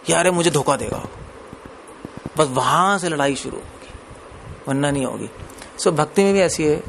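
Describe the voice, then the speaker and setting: Gravelly-voiced man giving a conversational sermon. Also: on the high side, a little hiss or hum. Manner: conversational, mixes English words, laughs between points. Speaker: preacher. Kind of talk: Hindi discourse on scripture.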